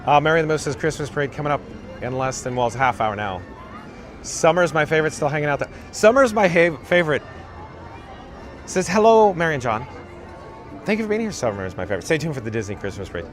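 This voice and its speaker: A man hosting a relaxed outdoor livestream talks fast in a fairly high, raspy voice, reading chat back in a dry, self-mocking monotone. The mic is on the camera rig he carries along the parade route, and music and a crowd can be heard behind him.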